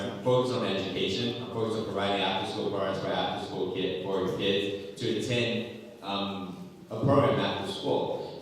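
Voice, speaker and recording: Deep-voiced young man in an echoey hall. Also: distant mic. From Washington DC. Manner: earnest, halting with fillers. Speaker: political candidate. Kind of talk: candidate forum introduction. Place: community center hall.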